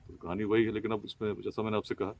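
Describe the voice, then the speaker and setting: A man in a police role giving a measured, formal press briefing outdoors at a crime scene. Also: fairly low pitch, little pitch movement, no echo, muffled recording. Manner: measured, formal, official wording.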